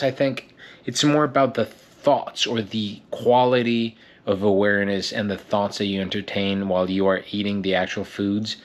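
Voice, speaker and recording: A young man vlogging alone in a reflective monologue, musing and often restarting and repeating words. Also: fairly low pitch. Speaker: actor and fitness vlogger. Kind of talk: reflective solo vlog monologue.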